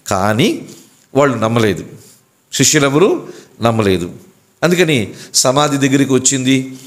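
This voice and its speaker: A male pastor preaching an Easter sermon in a slow, emphatic way. His pitch swings widely, climbing high on repeated phrases and dropping low again.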